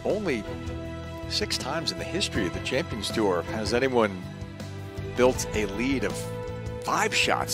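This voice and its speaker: A man working as lead golf commentator, giving live play-by-play in a measured, polished broadcast manner. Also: medium pitch.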